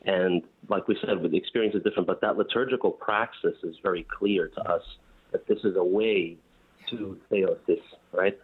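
A man calling in to a show, talking in an earnest, steady way with occasional fillers. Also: sits low, normal speed, slightly rough. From United States. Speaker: caller. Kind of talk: call-in show comment. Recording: tinny phone line.

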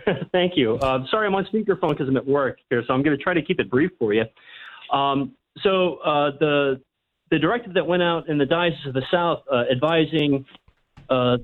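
A man calling in on speakerphone from work, asking a question hesitantly with many fillers. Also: medium pitch. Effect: phone call on speakerphone. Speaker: caller. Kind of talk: call-in question to radio show. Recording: tinny speakerphone line.

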